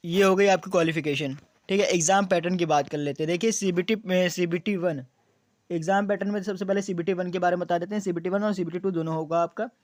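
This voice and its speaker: A man's voice: high-pitched, steady tone, fast talker, dry recording. A young man explaining exam details to students, repeating key points as questions and answers, with frequent fillers. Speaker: exam coaching YouTuber.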